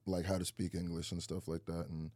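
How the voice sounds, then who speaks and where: A deep-voiced young man talks fairly quickly, with no echo on the recording. Raised in Nebraska, USA, after early childhood in Nigeria, this rapper and YouTuber is a casual interview guest whose relaxed, rambling speech is peppered with "like" and restarts.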